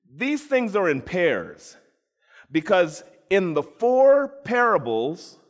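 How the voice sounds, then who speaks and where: A man preaching a storytelling sermon, animated, acting out voices and addressing listeners by name. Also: medium pitch. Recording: long reverb in a large hall.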